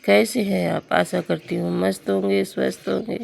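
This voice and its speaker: A young woman with a hoarse, sore throat, chatting confidingly to her viewers in a casual vlog. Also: mid-range voice, fairly even intonation, moderate pace, darkish tone, slight background noise. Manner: confiding, addresses viewers as friends. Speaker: vlogger. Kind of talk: casual everyday vlog narration.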